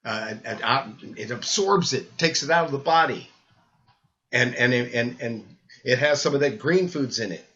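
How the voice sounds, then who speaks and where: An older man with a rambling, halting delivery who repeats words as he talks through supplements, recorded as old camcorder audio. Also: medium pitch, lively intonation, bright, forceful tone, dull audio. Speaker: health supplement presenter. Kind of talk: rambling spoken talk.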